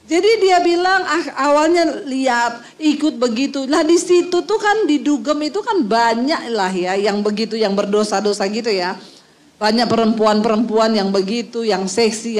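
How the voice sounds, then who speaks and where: High-pitched woman pastor preaching, middle-aged, storytelling sermon, acts out the voices, talks right to the congregation. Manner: addresses the congregation directly as saudara and ibu-ibu.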